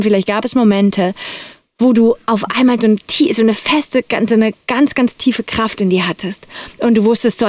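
A woman's voice: fairly high pitch, darkish tone, dry recording. A woman co-hosting a casual podcast, talking earnestly and persuasively, often addressing the listener directly. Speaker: podcast co-host.

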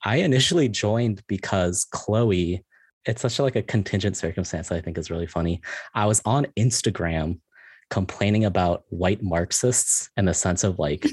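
A young man speaking as a podcast guest in a soft-spoken, halting, self-deprecating way with many fillers. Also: low voice, slightly rough, no room sound. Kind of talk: casual group discussion.

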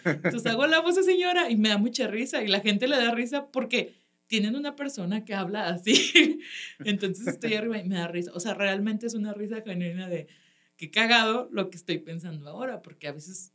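A woman stand-up comedian with a Mexican accent, telling stories in a casual chat, animated and laughing often, with lots of slang. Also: medium pitch, fairly quick.

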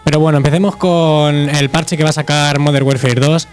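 A man's voice: a little high, fairly even intonation, brisk, clean tone, soft background music. A man co-hosting a gaming podcast, reading the week's news in a casual, lightly joking way. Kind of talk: casual chat.

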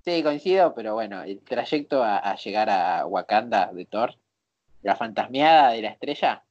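A woman's voice: very deep voice, animated, normal speed, darkish tone, dry recording, lo-fi sound. A woman with a Rioplatense accent in a casual podcast chat, hesitant and thoughtful, with many fillers. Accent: Rioplatense Spanish. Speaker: podcast co-host.

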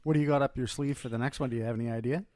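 A man's voice: mid-range voice, fairly even intonation, very fast, a little mellow, no echo. A man hosts a podcast in a mid-range voice. He jokes in a sarcastic, crude way. The sound is dry and close. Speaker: podcast host. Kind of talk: casual podcast chat and comic rant.

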